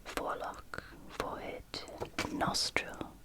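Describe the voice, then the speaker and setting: ASMR host for book read-through: library whisper, fully unvoiced, unhurried, gentle, short phrases with pauses. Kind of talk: whispered ASMR, reading and commenting on a picture book.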